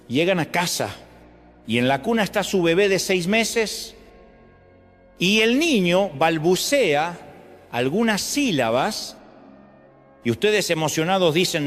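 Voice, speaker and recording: A man with an Argentine accent, a pastor delivering an animated sermon to his congregation. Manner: animated preaching with sweeping pitch jumps. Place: large church auditorium. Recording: long hall reverb with faint music. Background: faint music.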